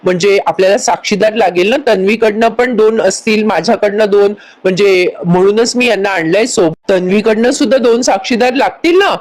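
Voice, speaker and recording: A calm, reassuring young groom, read by a woman narrator in a voice-over serial recap. Slow, steady lines in her own voice. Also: medium pitch, lightly acted, rough recording.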